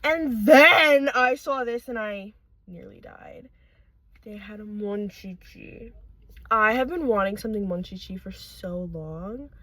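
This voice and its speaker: A young adult woman chatting casually and excitably as she films an unboxing, given to gushing exclamations. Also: medium pitch, takes it slowly, no room sound. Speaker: unboxing vlogger.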